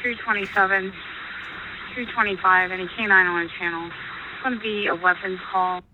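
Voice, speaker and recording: A woman police dispatcher heard over a police radio, brisk and businesslike, calling out codes and times. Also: mid-range voice, steady tone. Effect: police radio transmission. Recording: tinny radio with static.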